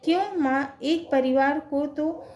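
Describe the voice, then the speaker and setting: Woman reading as an eager young girl, urgent pleading tone, high voice, read-aloud play. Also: steady tone, slow pace, darkish tone.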